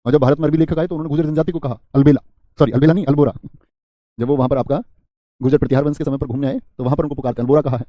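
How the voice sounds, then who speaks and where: A man's voice: mid-range voice, steady tone, racing, dark tone, no room sound, studio quality. A man teaching an exam-prep grammar class live, repeating word lists, quizzing students and answering their chat comments with small jokes.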